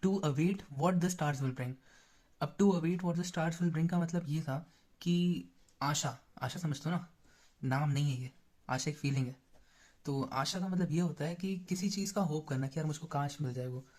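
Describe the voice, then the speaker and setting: Young male tutor, chatty explainer, mellow and slightly high voice. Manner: chatty, explains in mixed Hindi and English terms, often checks in. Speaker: exam-prep tutor. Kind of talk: casual lecture explaining notes.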